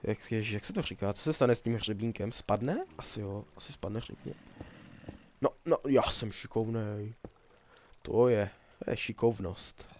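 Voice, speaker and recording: A man's voice: medium pitch, a little mellow, slight background noise. A young man giving rambling, jokey commentary while playing a survival game, laughing often and talking to his viewers. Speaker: let's player. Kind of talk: casual gameplay commentary.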